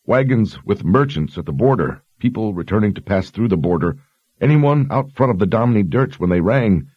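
A man's voice: lowish voice, lively intonation, normal speed, husky, dry recording, muffled recording, voice pushed up. A man voicing a frightened, dutiful young woman sergeant who speaks earnestly and deferentially. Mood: anxious.

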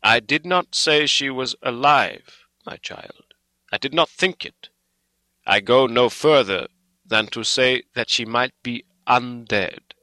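A man voicing a grave, earnest old foreign doctor in a dramatic audiobook, speaking in solemn, halting, emphatic phrases. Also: mid-range voice, bright, forceful tone, no echo, voice pushed up. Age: older. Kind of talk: dramatic audiobook character reading.

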